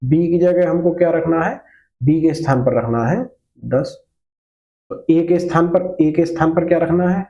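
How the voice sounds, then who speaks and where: A man's voice: on the high side, measured pace, warm tone, muffled recording. A man teaching math to a class, explaining each step patiently, asking questions and repeating key points, mixing in English terms. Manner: mixes Hindi with English terms.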